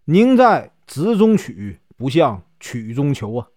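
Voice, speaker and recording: A man with a Northeastern Mandarin accent voicing a calm, unhurried old male sage in a told folk story. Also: dry recording, clean studio sound. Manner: slow, measured, low delivery.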